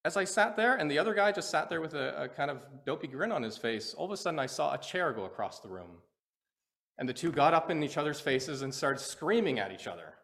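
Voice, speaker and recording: A man, a pastor preaching a sermon and telling a personal story with earnest, animated delivery. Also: on the high side, a little fast, gravelly. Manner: earnest storytelling that swings between quiet reflection and animated retelling.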